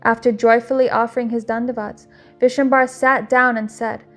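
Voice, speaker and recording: A woman reading a devotional scripture aloud in a calm, measured way, with emphatic exclamations. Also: on the high side, faint music behind. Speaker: scripture reader.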